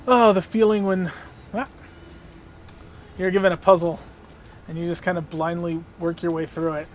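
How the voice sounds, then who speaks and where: High-voiced man streaming a game. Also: level tone, moderate pace, a little hiss or hum. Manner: chatty, self-mocking asides. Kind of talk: casual gameplay commentary. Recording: slightly dull lo-fi audio.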